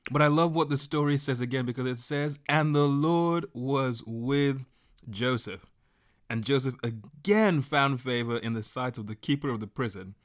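A man preaching a sermon as a story, animated, laughing often and breaking into shouts. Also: medium pitch, moderate pace.

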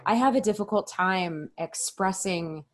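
A young woman guest on a podcast, telling an emotional story in a soft, heartfelt way. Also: medium pitch, unhurried. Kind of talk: casual podcast chat.

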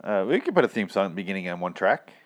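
A man with a deep, bassy voice co-hosting a casual podcast in a breezy, jokey, conversational way. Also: sing-song, very fast. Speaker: podcast co-host.

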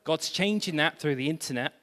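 A man pastor preaching a sermon, animated, with self-deprecating humor and exclamations of praise. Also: a little high, fairly quick, long reverb tail.

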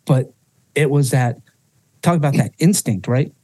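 A man's voice: mid-range voice, measured pace, warm tone, no room sound. A man guest on a podcast telling a personal story with emotion, swearing freely and restarting his sentences often.

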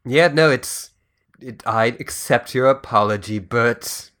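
A man playing a sarcastic, grumpy newcomer on a spaceship, with a deadpan delivery. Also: mid-range voice, slow pace. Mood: smug. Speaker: improv comedy performer. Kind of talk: improvised comedy podcast.

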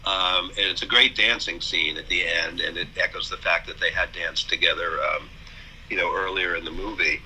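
A man speaking as the guest author in an interview, measured and hesitant with many fillers. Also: low voice, fairly even intonation, sharp tone, a little hiss or hum, low-quality recording. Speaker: author and college president, guest. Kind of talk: thoughtful interview talk.

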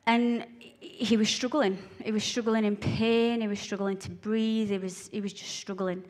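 A woman's voice: medium pitch, little pitch movement, a little mellow. Scottish woman with a broad Glaswegian accent. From Glasgow, Scotland. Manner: earnest, halting storytelling with repeated phrases for emphasis. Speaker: speaker giving a testimony. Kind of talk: personal testimony told to listeners.

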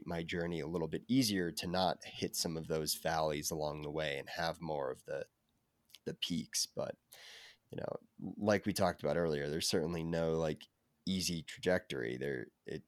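Hoarse young male runner guest; very low, dry, reflective and earnest. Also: no room sound. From United States. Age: young adult. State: hoarse and sick with covid. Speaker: podcast guest, endurance runner. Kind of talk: casual interview chat.

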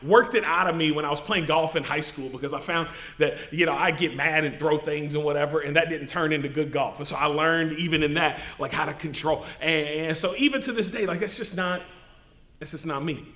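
A middle-aged male pastor preaching an animated sermon, drawing the audience into call-and-response with playful asides. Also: a little high, fairly quick. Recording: echoey room.

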